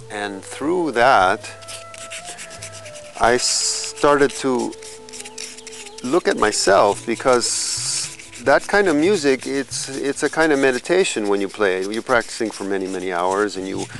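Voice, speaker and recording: A man in his fifties from California, a musician telling his life story in a slow, reflective documentary interview, pausing and restarting as he thinks. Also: fairly low pitch, a bit bright, rough recording. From California, USA. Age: 50s. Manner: slow, thoughtful, with pauses and small restarts.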